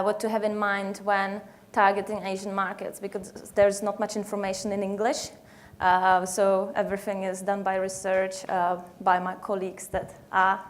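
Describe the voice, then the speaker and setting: Czech woman giving a conference talk. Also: medium pitch. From Czech Republic. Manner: hesitant, many fillers and restarts. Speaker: conference speaker. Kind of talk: conference presentation. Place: conference hall.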